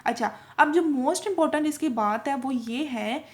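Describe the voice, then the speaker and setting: This woman teaches physiotherapy video lessons in an informal lecture, explaining things step by step with lots of repetition and frequent check-in tags. She switches between Urdu-Hindi and English technical terms, and her voice is high and slow.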